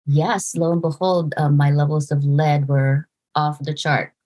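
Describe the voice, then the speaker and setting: This podcast guest is a nurse practitioner from the Philippines, a woman in her forties chatting in a relaxed interview. She has a low, mellow voice and an earnest way of talking that halts and starts over mid-thought.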